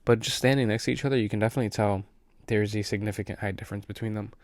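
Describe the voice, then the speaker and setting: A man's voice: fairly low pitch, steady tone, rapid-fire, dry recording, studio quality. A man casually reviewing an action figure, sounding congested and breathing heavily from allergies, in a laid-back way with many fillers.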